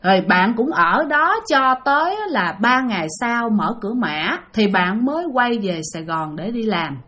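Southern Vietnamese woman, ghost-story narrator, emotional, addresses listeners, husky, lively pitch. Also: moderate pace.

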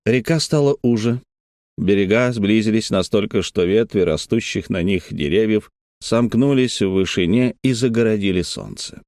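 A man reading an adventure novel aloud as an audiobook narrator, steady and measured. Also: lowish voice, dry recording, clean studio sound. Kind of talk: scripted narration.

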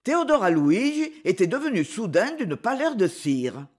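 Brief: woman reading a classic novel, animated and dramatic. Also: medium pitch, normal speed. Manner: expressive, dramatic storytelling. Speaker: narrator.

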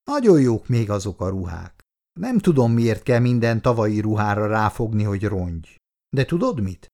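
A man's voice: fairly low pitch, big pitch swings, warm tone. A man voicing an impatient young husband who speaks brusquely. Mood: calm. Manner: brusque, questioning.

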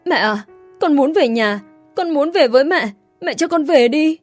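A small boy crying and begging for his mother, his voice lifted high and thin with tears, as a woman reads him in a storybook. Every line comes out as a choked, tearful plea, small and desperate. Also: animated, moderate pace, faint music behind. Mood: tearful pleading. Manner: tearful pleading.

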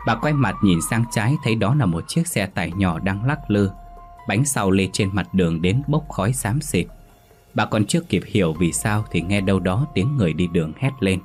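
Low-voiced man narrating a ghost story. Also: normal speed. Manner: steady, dramatic storytelling. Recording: faint music underneath.

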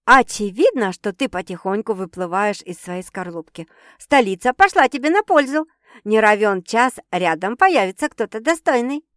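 A woman's voice: mid-range voice, very animated, normal speed, no echo, clean studio sound, close to an everyday voice. A woman voicing a teasing, outspoken young woman in an audiobook, sarcastic and bossy. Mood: ironic. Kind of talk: audiobook character voice.

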